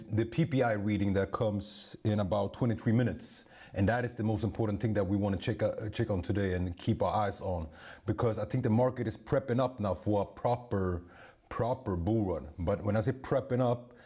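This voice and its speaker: This livestream host is a man with a strong, lowish voice carrying a breathy edge. He hosts casually and relaxed, greeting viewers like friends and calling them "bro" and "my people."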